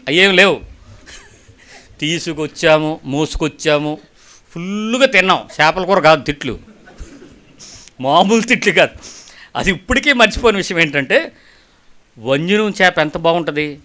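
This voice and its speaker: A middle-aged man preaching a sermon with a bright, forceful tone that sits a little high. He tells stories and asks the congregation question after question, moving from quiet asides to emphatic lines. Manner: storytelling, rhetorical questions, swings between soft and emphatic.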